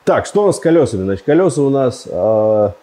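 This fast-talking man in his thirties has a mid-range voice and rambles cheerfully through a car review, cracking jokes and waving his hands around. The audio comes from a lapel mic in a big indoor showroom.

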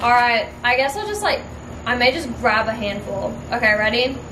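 A woman's voice: fairly high pitch, normal speed. A woman vlogger chatting casually to camera, giggly and laughing often, recorded in an echoey room. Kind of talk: casual vlog chat to camera. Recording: echoey room with steady background noise.

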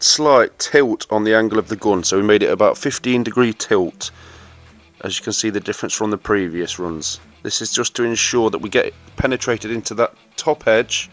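Man, lowish voice, steady instructional voice-over, faint music behind. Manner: steady, instructive, addresses viewers as guys. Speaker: welding instructor. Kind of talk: voice-over tutorial narration.

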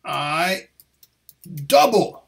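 A man explains English test answers at an unhurried pace, repeating each phrase carefully. He switches between English and Japanese as he teaches. His voice sits a little high for a man. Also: very animated, vocal fry.

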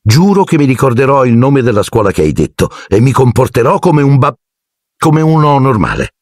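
A man's voice: medium pitch, big pitch swings, moderate pace, dry recording, clean studio sound, voice pushed up. A man voicing a defiant teen boy wizard.

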